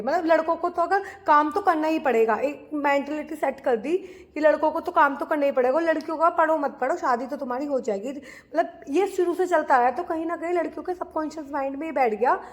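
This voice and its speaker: A young woman from India talking earnestly and casually to her viewers in a study vlog, with many fillers and restarts. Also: high-pitched. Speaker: vlogger studying for a teaching exam.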